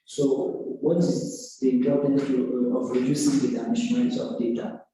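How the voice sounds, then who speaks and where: A man examining a student's thesis in an oral exam, halting and corrective, with many restarts. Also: mid-range voice, level tone, warm tone, slight background noise. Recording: echoey room from far off.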